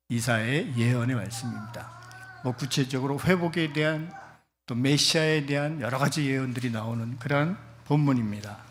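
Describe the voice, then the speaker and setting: A man's voice: medium pitch, a little hiss or hum. A middle-aged male pastor preaching a Sunday sermon at a church service. He talks in a chatty way and puts questions to the congregation. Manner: leads the congregation in reading scripture aloud.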